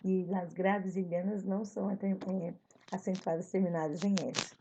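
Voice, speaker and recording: A woman Spanish teacher with a Brazilian Portuguese accent, giving an online class, slowly repeating examples and explaining them. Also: mid-range voice, level tone, warm tone, slight background noise, poor audio.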